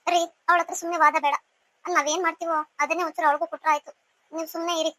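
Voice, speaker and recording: Give me a woman playing a fussy, caring sister-in-law from a cartoon story, talking fast. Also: very high voice, level tone, sharp tone, dry recording, poor audio. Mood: grumbling. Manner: scolding, consoling. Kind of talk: cartoon serial voice acting.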